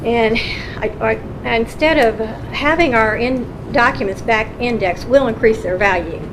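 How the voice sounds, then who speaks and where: A woman who serves as county recorder earnestly explains her office's work to a county council in a meeting room, patient and prone to restarts. Her voice is a little high and unhurried. It's a public meeting recording with a steady hum.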